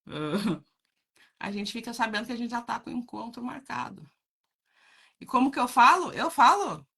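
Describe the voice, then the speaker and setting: A woman chats casually with her viewers in a blunt, direct way and laughs easily. Her voice is bright and sharp, and her pitch swings widely as she talks. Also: lively intonation, normal speed, vocal fry, breathy edge. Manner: blunt, frank, laughs often, addresses viewers as gente. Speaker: host reading viewer comments. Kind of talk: casual live chat.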